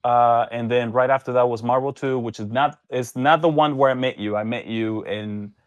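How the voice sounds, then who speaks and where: A Venezuelan man who later settled in Miami, now a tournament organizer, guests on a podcast and tells laid-back stories in slang, voicing bits of dialogue. His mid-range voice stays steady at a moderate pace, though the audio is dull.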